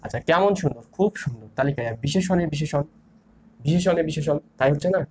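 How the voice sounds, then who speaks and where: A man's voice: a little high, lively intonation, fairly quick, darkish tone. Man teaching grammar, repeating himself. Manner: repeats terms, asks and answers his own questions. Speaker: grammar instructor. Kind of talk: online grammar lesson.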